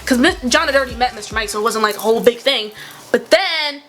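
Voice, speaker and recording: A young woman chatting casually, telling a storytime tale with quick asides and frequent laughs. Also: a little high, a bit bright. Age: young adult. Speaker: YouTuber.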